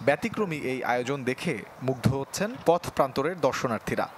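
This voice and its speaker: A man's voice: mid-range voice, expressive, fast talker. A man with a Bangladeshi accent narrating a scripted television news report as its reporter. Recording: crowd noise behind the voice.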